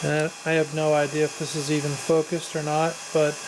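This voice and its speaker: A woman talks fairly quickly in a low voice with flat delivery, giving an informal, unscripted build walkthrough as a hobbyist. Her manner is hesitant and self-deprecating, and machinery can be clearly heard in the background.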